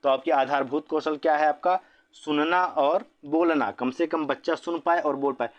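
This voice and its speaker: A man's voice: a little high, normal speed, highs cut off. Man explaining teaching exam questions. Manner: explanatory, repeats points with "ठीक है". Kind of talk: exam-prep lesson.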